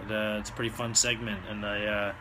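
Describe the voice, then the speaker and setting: A man hosting a casual solo fight recap, talking in a loose, halting, drunken ramble. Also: lowish voice, level tone, noisy background. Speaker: host of a fight-talk show.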